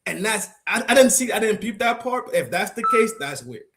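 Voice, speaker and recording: A man co-hosting a casual podcast, excitable and slangy, sometimes drawing words out. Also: sits high, brisk, background noise. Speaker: co-host.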